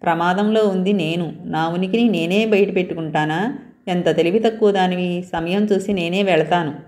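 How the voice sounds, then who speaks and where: A woman's voice: on the low side, normal speed, a little mellow, close to an everyday voice. A woman reading a bold teasing young man. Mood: coaxing.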